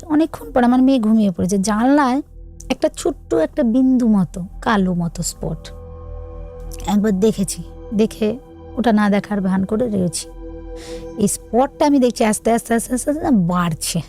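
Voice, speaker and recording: Woman, higher pitch, dark mellow tone, hushed halting storytelling, faint music behind. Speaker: guest telling her own story. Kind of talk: casual first-person telling of a true ghost story.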